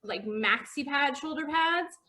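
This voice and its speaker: A woman in her forties chats casually as co-host. Her voice is high and bright. She tells self-deprecating stories and giggles through them. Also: lively intonation, a little slow, poor audio. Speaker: podcast co-host. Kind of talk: casual chat.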